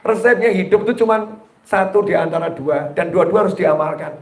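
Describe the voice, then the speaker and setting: Pendakwah pria bersuara agak tinggi bergema. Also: male voice, high-pitched, fairly even intonation, fairly quick, darkish tone. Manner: joking, folksy, acts out little dialogues. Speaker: preacher. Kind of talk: religious sermon to a live congregation. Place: gathering hall with audience. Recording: echoey hall sound.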